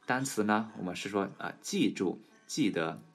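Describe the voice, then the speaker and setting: A man recording an audio English pronunciation lesson at home, explaining in Chinese and slowly repeating English words and sentences for learners. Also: lowish voice, animated, vocal fry, soft background music. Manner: switches between Chinese explanation and English examples.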